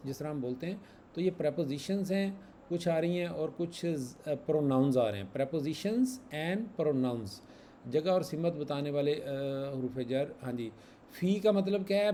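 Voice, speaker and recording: A man's voice: a little high, mellow, slight background noise. A man teaching a class, patiently repeating examples and quizzing his students. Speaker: Arabic grammar teacher. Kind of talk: online class lesson.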